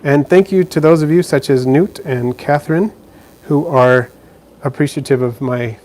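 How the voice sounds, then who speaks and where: The recording quality is poor, but you can hear a man's fairly high, somewhat mellow voice at a normal pace. He's by a frog terrarium indoors, answering questions from live-stream viewers in an easygoing, chatty manner full of fillers and restarts.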